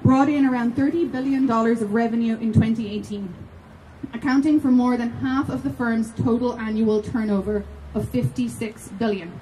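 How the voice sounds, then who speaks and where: A woman reading a scripted, factual narration in a measured way. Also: a little high, mellow, a little hiss or hum, low-quality recording.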